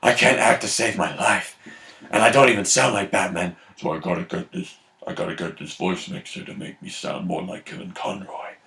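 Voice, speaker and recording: A man putting on the voice of a gloomy, self-mocking male superhero, muttering low and flat. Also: moderate pace, gravelly, roomy sound, exaggerated voice.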